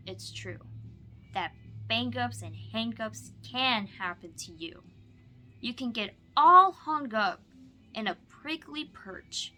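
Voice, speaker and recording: With a voice on the high side, this teacher reads a picture book aloud, alternating between expressive narration and relaxed asides that explain things.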